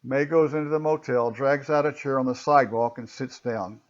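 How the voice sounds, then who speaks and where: A man's voice: mid-range voice, steady tone, moderate pace, highs cut off. A man narrating a story in a plain, matter-of-fact reading voice.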